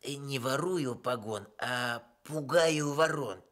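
A man's voice: mid-range voice, takes it slowly, fairly bright tone. An actor playing a good-natured, newly made straw scarecrow who muddles his words in a children's radio play. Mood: flustered, apologetic. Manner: muddles and swaps words, bumbling.

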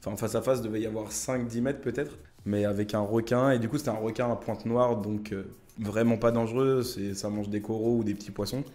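A man's voice: on the low side, steady tone, a little fast, mellow. A young man casually telling travel anecdotes to camera, chatty and full of fillers, speaking straight to his viewers. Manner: chatty, many fillers, addresses viewers directly.

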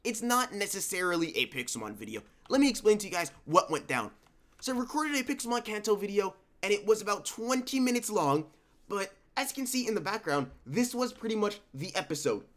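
A man's voice: high voice, animated, brisk, fairly bright tone. Young male gaming creator, sick-sounding voice, loose chatty voice-over delivery. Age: young adult. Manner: rambling, conversational, restarts. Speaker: gaming YouTuber. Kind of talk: casual voice-over commentary. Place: at home.

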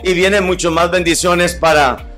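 A man's voice: sits high, fairly even intonation, a bit bright, faint music behind. A man at an outdoor event, speaking fervently about faith and family into a handheld mic. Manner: fervent, religious, halting with fillers. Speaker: foundation organizer. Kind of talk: impassioned event speech. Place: outdoor tent at a public event.

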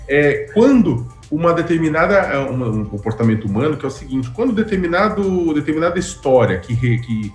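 A man's voice: fairly high pitch, very animated, brisk, hardly any pauses, roomy sound, faint music behind. A man in his thirties from Brazil, a guest explaining at length on a video call, hesitant, with many restarts and rising emphasis. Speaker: interview guest. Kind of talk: explanatory interview answers. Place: home room with framed pictures on wall. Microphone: webcam video call.

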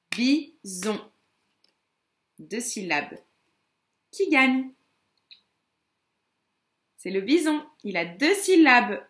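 Une enseignante qui parle à de jeunes enfants et scande lentement les syllabes des mots avec une intonation chantante. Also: female voice, sits high, a bit bright, roomy sound. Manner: slow, syllable-by-syllable counting with sing-song emphasis. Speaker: kindergarten teacher. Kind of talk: teaching young children.

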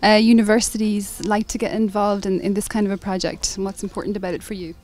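A woman's voice: medium pitch, little pitch movement, fast talker, darkish tone. A woman in her thirties interviewing people on location in a greenhouse, asking upbeat, leading questions into a handheld mic. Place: large plastic greenhouse.

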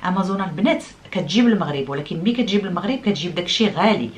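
Middle-aged Moroccan-accented woman, vlogger, chatty explainer, talks very fast in a lowish voice. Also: animated, slight background noise. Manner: chatty, explaining and demonstrating, French words mixed in. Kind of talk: casual chat to viewers.

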